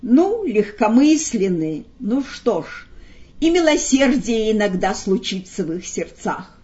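A woman voicing a dark, lordly male magician who speaks thoughtfully and without hurry in a storybook reading. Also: sits low, expressive, dull audio. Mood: pensive. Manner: thoughtful, unhurried.

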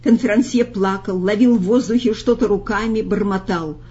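A woman reading a story aloud in a steady, expressive narrating voice. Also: mid-range voice, moderate pace. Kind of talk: audiobook narration. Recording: dull lo-fi recording.

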